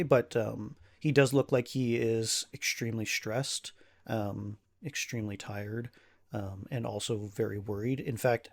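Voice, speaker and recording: A man's voice: medium pitch, vocal fry. A man working as game master, narrating a tabletop game in a casual way with lots of fillers.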